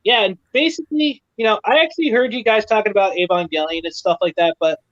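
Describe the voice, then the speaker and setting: A man's voice: high-pitched, fast, fairly bright tone, dry recording, dull audio. A man joining a casual online podcast over an internet call, talking casually and hesitantly with fillers. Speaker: podcast guest.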